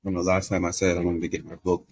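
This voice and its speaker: Male host, very deep voice, laid-back rambling delivery, mouth full of candy. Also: quick pace, a little hiss or hum, poor audio. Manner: relaxed, rambling, self-deprecating. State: eating candy with a toothache. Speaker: podcast host. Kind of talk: casual chat.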